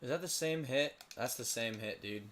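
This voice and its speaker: A hoarse, tired teenage boy commenting on a simulated lacrosse league late at night, rambling and mumbling with self-pity between plays. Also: medium pitch, moderate pace, fairly bright tone, slight background noise. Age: teens.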